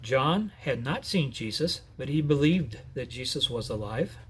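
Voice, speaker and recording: A man retelling a Bible story in an earnest, measured way, with short pauses. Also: medium pitch, lively intonation, breathy edge.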